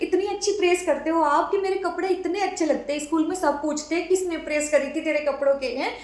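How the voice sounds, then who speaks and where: A woman's voice: very high voice, quick pace, a little mellow, roomy sound. A woman playing a nagging, boastful mother-in-law. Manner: scolding, self-praising, keeps prodding with "हैं?". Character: nagging middle-aged mother-in-law, boastful about her son. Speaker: mother-in-law in a comedy sketch.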